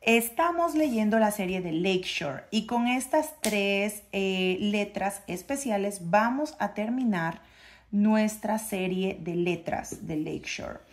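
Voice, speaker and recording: A woman reads a children's letter book aloud. She sounds out each letter in a sing-song voice and draws out the sounds. Her pitch sits in an ordinary middle range. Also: expressive, slow pace. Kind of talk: reading a phonics book to a child.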